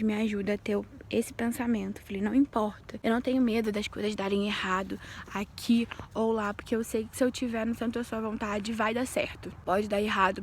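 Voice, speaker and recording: A woman's voice: medium pitch, gravelly, a little mellow, a little hiss or hum. A young woman from Brazil, an au pair vlogging in an earnest, confiding way. She is emotionally exhausted and prays aloud, repeating herself. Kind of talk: emotional personal vlog.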